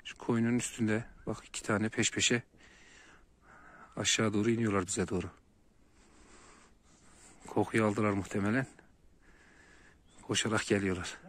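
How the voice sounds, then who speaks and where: A man's voice: fairly low pitch, flat delivery, a little slow, long pauses. Turkish shepherd man narrating outdoors. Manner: calls and soothes dogs, shouts sharply when they fight. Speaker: shepherd dog owner filming his dogs. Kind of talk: outdoor vlog commentary. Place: outdoors near a flock of sheep.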